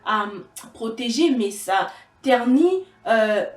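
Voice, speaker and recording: A young woman from Togo tells her story to camera in a fairly high voice, halting often and restarting her sentences. Her voice sits a bit back from the mic and rings in an echoey room. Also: expressive, distant mic. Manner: halting, many fillers and restarts. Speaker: vlogger.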